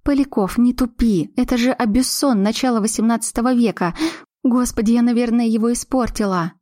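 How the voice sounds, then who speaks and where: A woman's voice: on the high side, fairly quick, no room sound, studio quality, pitched above the performer's own voice, lightly acted. Woman playing a feisty pregnant young woman. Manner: sharp-tongued, bossy and playful.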